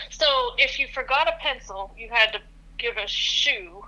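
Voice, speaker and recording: A woman's voice: fairly high pitch, unhurried, crowd noise. A middle-aged woman chatting casually over a phone call as a guest on a podcast. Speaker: host's mother, phone-in guest.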